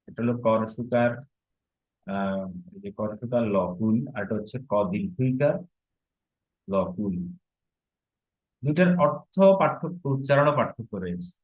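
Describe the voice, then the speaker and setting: Guy teaching grammar online, patient, keeps asking the class questions, kinda dull lo-fi sound. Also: medium pitch. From Bangladesh. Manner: patient, explains step by step with rhetorical questions. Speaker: Sanskrit teacher. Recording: slightly dull, lo-fi recording.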